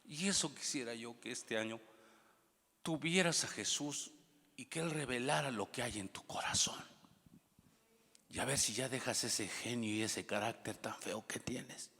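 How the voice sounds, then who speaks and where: A pastor delivers a sermon with a bright, forceful voice, dropping low and then rising into loud calls to the congregation. He adds humorous asides along the way. His voice rings out with a long reverberant tail in a large hall. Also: a little slow, slightly rough. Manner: dynamic preaching, swings from hushed to loud exclamation.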